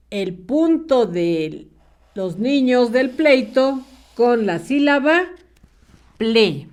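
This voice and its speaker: Slow, lively woman teaching syllables to children. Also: high voice. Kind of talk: children's literacy lesson.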